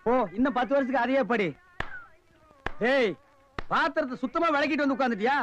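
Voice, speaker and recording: A mouthy fake beggar who scolds. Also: male voice, very high-pitched, a little fast, a bit bright, dull audio, a little hiss or hum. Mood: mocking. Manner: scolding, mocking retorts. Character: mouthy adult man posing as a beggar. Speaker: comic lead in a film scene. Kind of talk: 1980s Tamil film comedy dialogue.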